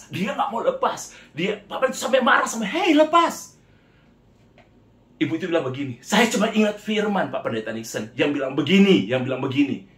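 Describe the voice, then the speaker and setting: Preaching a sermon built around a testimony, this man has a fairly high, slightly bright voice that carries a roomy sound. He keeps calling his congregation "saudara," brothers and sisters, and performs the quoted voices in his story.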